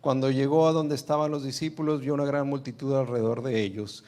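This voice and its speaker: Male preacher, earnest, reads scripture, checks in with the congregation, average pitch. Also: fairly even intonation, brisk, darkish tone. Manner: earnest, asks listeners "¿sí?" often; acts out the father's plea with rising pitch. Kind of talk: sermon with Bible reading.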